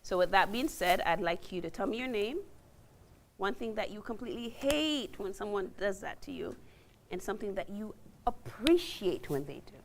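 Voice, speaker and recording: A woman leads a group workshop with a lively, swooping voice, coaxing and teasing the room into talking. A faint hum of room noise sits under her voice. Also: medium pitch, moderate pace. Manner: upbeat, coaxing, playful teasing. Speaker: workshop facilitator. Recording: noisy room recording.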